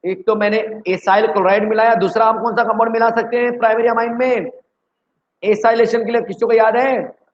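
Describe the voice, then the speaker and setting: An Indian man gives a lively chemistry lecture to students online, asking them questions again and again to keep them with him. His voice sits high for a man. The audio is dull and lo-fi. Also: fairly quick. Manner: energetic, repeatedly quizzing students. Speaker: chemistry teacher. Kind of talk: online exam-prep lecture. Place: indoors, teaching online.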